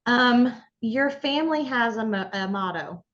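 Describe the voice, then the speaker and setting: Gentle woman interviewer, dull lo-fi sound. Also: on the high side, expressive, a little slow. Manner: gentle, affirming, with short yeahs. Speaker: interviewer for a charity fundraiser. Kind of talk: interview questions.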